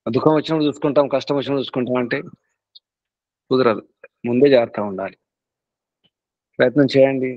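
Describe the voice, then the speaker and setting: An earnest Telugu guru leads a spiritual class and drives his points home through repetition. His mid-pitched voice comes through dry and slightly muffled. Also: quick pace, pauses often, no room sound.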